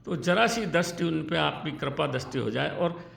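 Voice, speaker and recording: A man's voice: fairly high pitch, expressive, normal speed, gravelly, fairly bright tone, slight background noise. A middle-aged man, a spiritual teacher, giving earnest devotional instruction and chanting syllables and verses as he explains. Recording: echoey room with faint ambience.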